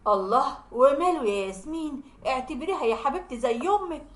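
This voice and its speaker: A woman's voice: high-pitched, animated, brisk. A woman voicing a mild young Egyptian husband who soothes and coaxes his wife. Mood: coaxing. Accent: Egyptian Arabic. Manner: coaxing, soothing. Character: placating young husband, mild and smooth-talking. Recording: roomy echo.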